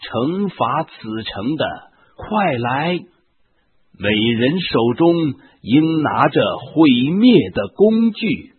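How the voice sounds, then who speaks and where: A man's voice: fairly low pitch, big pitch swings, extremely slow, husky, heavily acted. A man reading as a stern commanding lord. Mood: urgent. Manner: solemn, commanding recitation. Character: stern divine male lord giving commands. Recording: tinny lo-fi phone-like recording.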